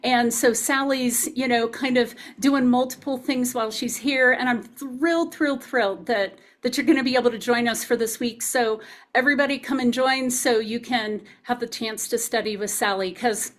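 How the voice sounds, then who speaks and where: A woman with a bright, high-pitched voice interviews a guest over a video call. She sounds enthusiastic and upbeat, like a host promoting an event she cares about. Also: moderate pace. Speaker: interviewer and retreat organizer. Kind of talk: casual interview chat.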